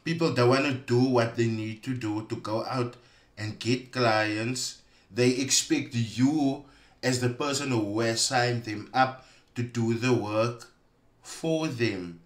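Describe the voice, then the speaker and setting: A man giving pointed reaction commentary, addressing viewers directly with emphatic pauses. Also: medium pitch. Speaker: commentator exposing online schemes. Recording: roomy, echoey sound.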